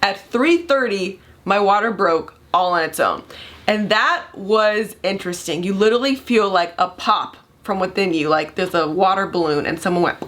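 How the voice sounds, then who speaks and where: Relaxed young woman chatting. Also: medium pitch, normal speed. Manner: relaxed, chatty, adds wry comments. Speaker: vlogger, new mother. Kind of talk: casual chat.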